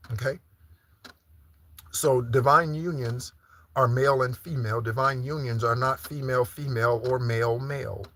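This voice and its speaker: A man's voice: mid-range voice, a bit bright. A man preaching an informal live-streamed sermon, teaching through repeated rhetorical questions and frequent check-ins. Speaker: preacher leading an online Sunday service.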